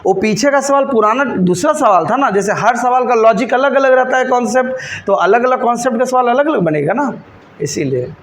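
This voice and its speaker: A male coaching-class teacher teaching math to a live class. He quizzes his students constantly, scolds and teases them, and slows down to spell out each step. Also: extremely high pitch, lively intonation, a bit bright, slight background noise. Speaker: teacher for government exam coaching.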